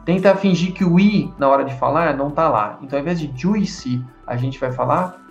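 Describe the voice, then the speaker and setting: A man's voice: on the high side, a little fast, echoey room, dull audio, faint music behind. A Portuguese-speaking man teaching an English lesson, running repetition drills and praising his student often.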